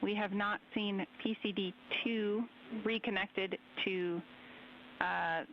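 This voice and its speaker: Woman, mission control communicator, radio link, measured procedural delivery, dull lo-fi sound, faint hiss. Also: mid-range voice, steady tone. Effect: ground-to-space radio link.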